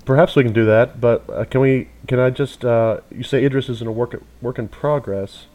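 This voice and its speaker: A man's voice: mid-range voice, steady tone, moderate pace, darkish tone. A man interviewing a guest, affirming the guest's points and checking in with tag questions like "right?". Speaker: interviewer, host. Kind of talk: conversational interview.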